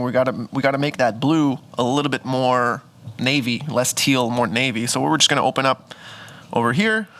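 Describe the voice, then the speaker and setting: Bright-voiced man teaching photo editing. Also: mid-range voice. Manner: chatty, thinks aloud, self-correcting. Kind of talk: casual screen-recorded editing tutorial.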